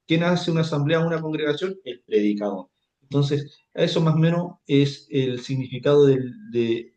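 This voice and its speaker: A man's voice: mid-range voice, dark tone, roomy sound. A man teaching a Bible class, repeating himself and checking in with his students as he explains. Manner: repetitive, asks "¿cierto?" often. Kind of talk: classroom lecture.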